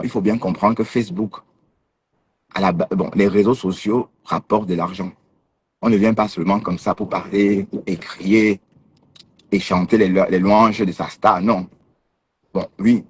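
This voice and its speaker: A man's voice: lowish voice, slightly rough, no echo. A man hosting a casual livestream, addressing a rival directly in a mocking, confrontational way. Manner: mocking, confrontational, teasing laughs. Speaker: livestream host.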